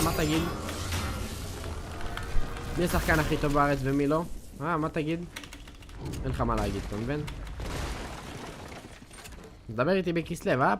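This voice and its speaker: Hyped young male gaming streamer. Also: on the high side. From Israel. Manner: hyped, boastful trash talk to chat. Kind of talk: live game stream commentary.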